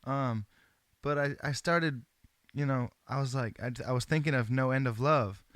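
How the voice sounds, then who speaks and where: A man with a smooth, resonant voice, recorded dry and close. He talks in a laid-back, earnest way, full of slang and the odd curse, as he hosts a relaxed chat. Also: mid-range voice, moderate pace, no room sound. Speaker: host. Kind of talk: casual phone chat.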